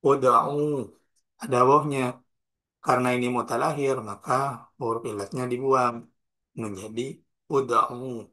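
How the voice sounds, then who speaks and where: Bright-voiced Indonesian grammar teacher. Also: male voice, mid-range voice. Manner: slow, deliberate, spells out forms and examples. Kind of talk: classroom lesson explaining grammar.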